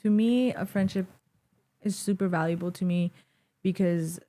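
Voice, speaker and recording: A young woman with a Mexican American accent, speaking in a lowish, warm voice at normal speed, chats casually as a podcast guest. She rambles and says "like" constantly, recorded on a boom-mounted studio mic in a small studio set with wooden tables.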